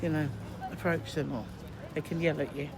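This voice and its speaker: A woman's voice: low-pitched, steady tone, normal speed. A British woman giving casual, rambling sightseeing narration as a travel vlogger, chatty and a little hesitant. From Britain. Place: outdoors on a city street. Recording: noisy outdoor city recording.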